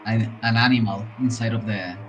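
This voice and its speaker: A man's voice: on the low side, steady tone, moderate pace, dull audio. A man playing a tabletop game, talking casually. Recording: distant mic, music over voice.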